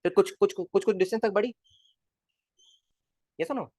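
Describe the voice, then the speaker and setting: A man's voice: high-pitched, normal speed, darkish tone, no echo, studio quality. A male physics teacher in a casual live class, coaxing his students with constant questions and calling them kids. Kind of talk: live online class lecture.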